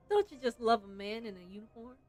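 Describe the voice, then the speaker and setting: A woman with a voice on the high side and a darkish tone livestreams a game. She chats casually and reads its story aloud playfully, giggling like a fan, with game music in the background.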